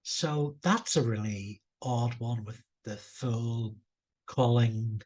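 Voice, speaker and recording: A man co-hosting a podcast, chatting casually and explaining things in a measured way. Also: mid-range voice, darkish tone, breathy edge. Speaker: podcast co-host. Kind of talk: casual chat.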